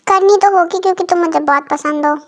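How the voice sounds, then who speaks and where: A woman's voice: very high voice, steady tone, quick pace. A woman voicing a possessive young male mafia boss, talking in a blunt, commanding way.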